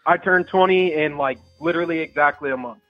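A man's voice: on the high side, a little fast, faint music behind. A young man calling into a show, talking hesitantly and stammering. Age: young adult. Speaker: caller. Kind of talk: phone-in confession. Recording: tinny phone line.

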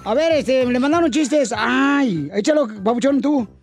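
A man's voice: extremely high pitch, lively intonation, unhurried, faint music behind. A man hosting a morning radio show, cracking jokes and slangy banter. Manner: playful, laughing, slangy joke-teller.

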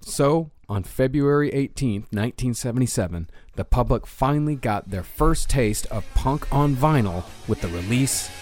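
A man co-hosting a podcast, talking in an animated way, swearing freely and laughing a lot, and at times narrating from notes. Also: mid-range voice, normal speed, hardly any pauses, no room sound, faint music behind. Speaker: podcast co-host. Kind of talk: casual chat and read narration.

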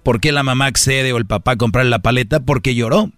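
A man hosts a radio comedy show, rambling through relationship advice in heavy slang and talking straight to his listeners. His voice sits at a middle pitch, and the sound is dry and close. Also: quick pace, fairly bright tone, no echo, soft background music.

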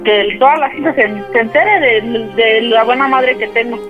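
A woman's voice: fairly high pitch, a little slow, muffled recording, faint music behind. Emotional young woman. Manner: emotional, effusive. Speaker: prank caller, daughter. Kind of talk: radio prank call.

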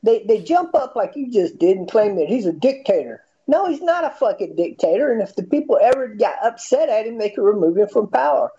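An American man in his fifties with a high-pitched, soft-edged voice. His intonation jumps around as he argues bluntly and profanely in a heated, informal debate. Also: very animated, fairly quick, few pauses, highs cut off. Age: 50s.

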